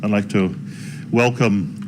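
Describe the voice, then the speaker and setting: A man speaking informally to a gathering as a presenter, in a halting way with repeated phrases. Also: on the low side, steady tone, background noise. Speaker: tourism authority presenter introducing speakers. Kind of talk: informal public address at a launch event. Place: conference room.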